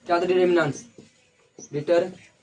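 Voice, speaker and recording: A man's voice: high-pitched, steady tone, quick pace, darkish tone. A man teaching an English lesson in a classroom, repeating key words and checking in with students constantly.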